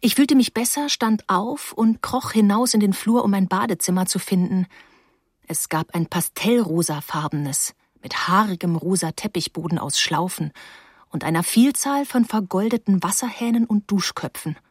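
A woman's voice: medium pitch, normal speed, breathy edge, no echo, studio quality. German woman narrating an audiobook. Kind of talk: first-person novel narration.

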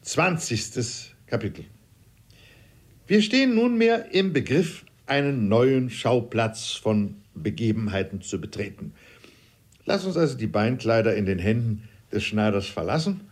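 Low husky guy reading a novel aloud, wry. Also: lively intonation, unhurried. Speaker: audiobook reader. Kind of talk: scripted narration of a novel.

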